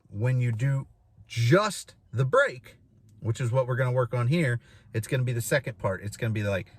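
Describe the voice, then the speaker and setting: A man in his thirties giving an informal instructional demonstration, explaining step by step and repeating key phrases. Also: medium pitch. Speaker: goose calling instructor. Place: inside a parked vehicle.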